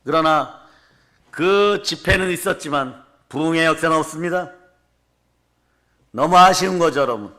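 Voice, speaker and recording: A man preaching a fervent revival sermon to a congregation, declaring blessings and prompting the listeners with quick tag questions. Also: on the high side, sharp tone. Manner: emphatic declarations answered by the congregation. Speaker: pastor. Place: church service before a congregation.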